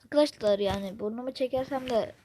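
A Turkish woman with a blocked nose streams gameplay, chatting casually and muttering and whispering to herself as she plays. She talks fast in a fairly high voice, and the home recording is noisy.

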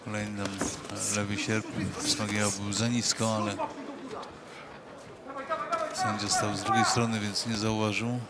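A man's voice: lowish voice, big pitch swings, a little slow, pauses often, heavy background noise. A man co-commentating on a boxing bout, calling the punches in a matter-of-fact way. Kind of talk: live sports commentary.

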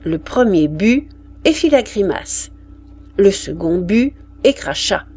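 A woman reading a classic story aloud slowly and expressively for language learners. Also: mid-range voice, husky. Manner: expressive, deliberate.

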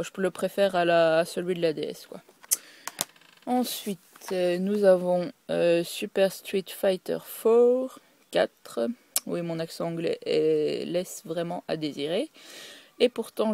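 A woman's voice: on the low side, dark tone, no room sound. A woman talking casually at home, presenting her collection in a hesitant way full of fillers and restarts. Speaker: video creator showing her game collection.

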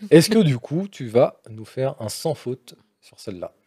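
A man's voice: medium pitch, sing-song, unhurried, dark tone, husky. A man hosting a studio panel show as quiz master. He calls out to the control room and reads text aloud with mock gravity.

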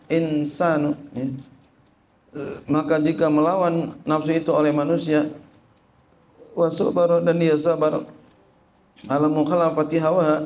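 With a voice on the high side and a little hiss or hum in the recording, an Islamic teacher gives a lively sermon on a religious text. He repeats himself, quizzes the audience and supplies the answers, and reads Arabic phrases followed by translations.

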